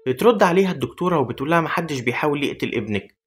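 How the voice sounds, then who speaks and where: A man with an Egyptian accent narrating a horror film recap in a scripted, rapid storytelling manner. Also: on the high side, animated, fairly bright tone. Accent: Egyptian Arabic.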